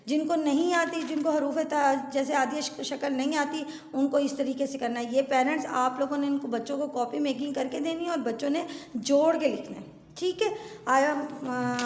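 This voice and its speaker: A woman's voice: sits high, slight background noise. A woman, a kindergarten Urdu teacher who patiently spells out letter sounds in a recorded lesson for pupils and parents. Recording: echoey room with long reverb.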